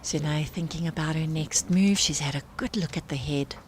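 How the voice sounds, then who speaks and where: A woman's voice: sits low, moderate pace, a little hiss or hum. A woman with a South African accent giving live, unscripted sports commentary. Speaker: commentator and club marketing organiser.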